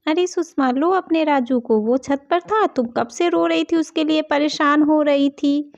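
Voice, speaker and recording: A woman voicing a calm elder sister figure in a doll story, scolding and reassuring. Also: high voice, unhurried, muffled recording.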